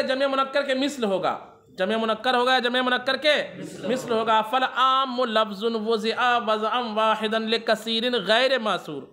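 A male religious teacher giving a classroom lecture, reading Arabic text slowly and then explaining it, often asking a question and answering it himself. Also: very high voice, bright, forceful tone.

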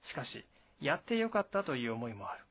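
A man narrates a historical novel he reads for the first time, at a steady pace with small slips and restarts. His voice sits at a middle pitch for a man. The recording sounds dull and lo-fi. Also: quick pace. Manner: steady, even reading with occasional slips and restarts. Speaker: narrator reading a novel aloud.

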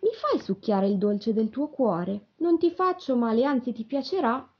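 Woman doing slow humming storybook bees. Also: lively intonation, slightly rough. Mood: coaxing. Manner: slow humming chant, low voice. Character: swarm of humming gentle bees. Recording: dull lo-fi radio broadcast.

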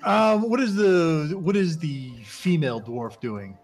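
A man's voice: a little high, slow, darkish tone, soft background music. A man playing a tabletop game, laughing often and asking eager questions. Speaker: player. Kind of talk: casual game table chat.

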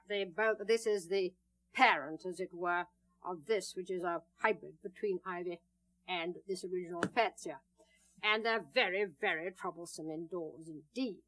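An older woman hosting a television gardening demonstration, talking in a brisk, wry, emphatic way, recorded on an indoor studio set from an old 1960s television tape. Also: mid-range voice, bright, forceful tone. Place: indoor studio set among potted plants.

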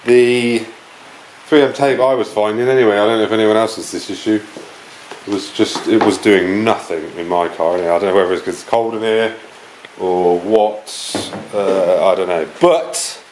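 A British man in his thirties talks in a fairly low voice. He is casual and slangy, hosting a car vlog in a relaxed way. The camera audio carries plenty of background noise. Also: moderate pace, poor audio. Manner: laid-back, slangy, mild swearing. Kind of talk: casual chat to camera and friend. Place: stone garage with metal roof, and inside a car.

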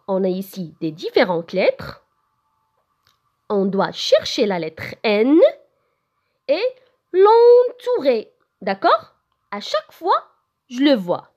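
Speaking slowly in a sing-song way, a high-pitched woman with a Moroccan French accent spells letters one by one in a recorded lesson for small children. The preschool teacher's voice is a little mellow, and the sound is lo-fi.

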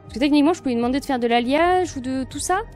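A high-pitched woman talks through her game in a loose, chatty way, thinking aloud as she goes. She addresses the viewers and the game itself, with faint music underneath. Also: very fast, a little mellow. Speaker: let's play streamer. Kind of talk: casual gameplay commentary.

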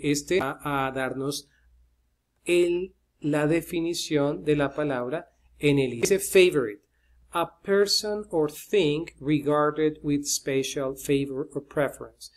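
A man's voice: fairly high pitch, a little mellow. A man giving a casual screen-share pronunciation lesson, chatty, with many "eh" fillers as he talks to his viewers. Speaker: English pronunciation teacher.

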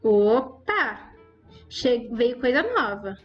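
A woman's voice: fairly high pitch, very animated, very slow, highs cut off, faint music behind. Chatty woman narrating her gameplay. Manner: chatty, exclaiming, talks to her viewers as "raposas". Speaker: gaming YouTuber. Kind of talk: live Roblox gameplay commentary.

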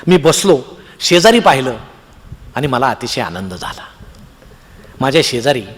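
A man's voice: medium pitch, big-room sound. A man with a Marathi accent telling a comic story on stage, acting out the voices of the people in it. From Maharashtra, India. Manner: animated, acts out voices of the characters in the tale. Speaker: humorous storyteller.

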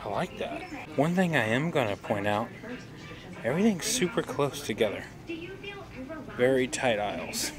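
A man's voice: medium pitch, sing-song, normal speed, long pauses. A man talking casually while filming a walk through a gift shop, pointing things out as he goes. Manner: chatty, points things out as he films. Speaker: vlogger.

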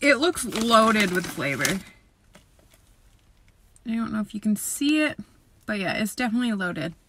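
A woman's voice: mid-range voice, sing-song, a little slow, a bit bright. A woman in her thirties giving a casual, chatty snack review to camera inside a car. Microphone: phone at arm's length. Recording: clear background noise in car, clicks.

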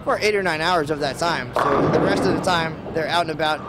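Man talking over loud background noise. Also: a little high, a little fast. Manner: upbeat promotional. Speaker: media relations director.

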